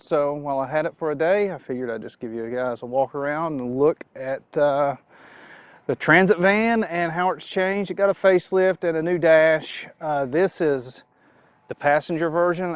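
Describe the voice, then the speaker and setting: A man giving a casual, chatty walkaround review of a vehicle, relaxed and full of fillers. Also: fairly high pitch, dry recording. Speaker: car reviewer.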